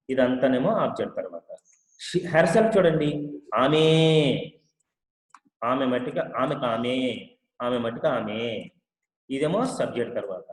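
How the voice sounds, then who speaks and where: A man teaching English grammar to Telugu speakers, explaining step by step, repeating each example and reading English sentences out slowly. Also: medium pitch. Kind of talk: spoken English lesson. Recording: echoey room with long reverb.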